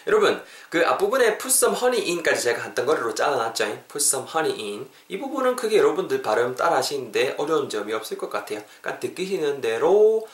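A man teaches English on his podcast in a playful way. His pitch swings widely, and he slows down to drill each English phrase. The recording carries a roomy echo. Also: sing-song.

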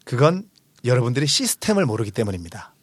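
With big swings in pitch around a medium center, a husky-voiced man talks fast while hosting his book discussion show, explaining ideas conversationally and emphatically. He's in his forties, also owns a restaurant, and the recording has no room sound.

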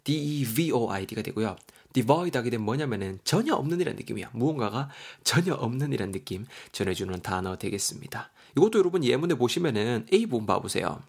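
A man with a Gyeongsang accent teaching English vocabulary in a lively, folksy way, spelling words out and explaining them. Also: medium pitch, fairly quick, gravelly, slightly rough. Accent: Gyeongsang Korean. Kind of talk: vocabulary lesson.

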